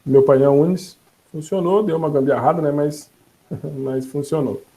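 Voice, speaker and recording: Chatty man with a mellow voice. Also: a little high, moderate pace, low-quality recording. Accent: Brazilian Portuguese. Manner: relaxed, chatty, laughs and self-corrects. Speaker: instructor demonstrating a voice assistant. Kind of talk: casual online lesson.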